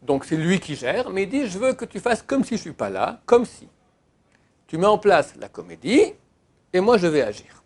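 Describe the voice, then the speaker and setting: A man's voice: high voice, big pitch swings, normal speed, a little mellow, breathy edge. A rabbi giving an emphatic Torah lesson in answer to a question, repeating his key words.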